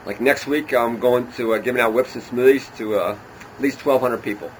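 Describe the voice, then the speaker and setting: A man in his sixties who speaks quickly and with eager enthusiasm. He is a guest in a casual interview, and he bursts out his answers at a rapid clip. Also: mid-range voice, slight background noise, low-quality recording. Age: 60s. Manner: excitable, enthusiastic.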